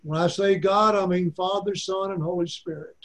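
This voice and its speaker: High-voiced older man with an Arkansas accent. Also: steady tone, moderate pace, a bit bright. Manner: folksy, repeats points for emphasis. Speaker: Bible teacher. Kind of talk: teaching an online Bible class.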